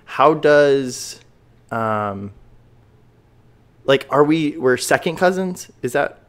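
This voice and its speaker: A man's voice: mid-range voice, animated, slow, a bit bright. A man hosting a casual podcast interview, upbeat and enthusiastic, with frequent fillers. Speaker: podcast host.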